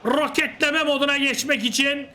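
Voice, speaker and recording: A man's voice: very high voice, fairly even intonation, normal speed, sharp tone. A man screaming like a football commentator as he calls play in a video game. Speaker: gaming video host commentating his own match.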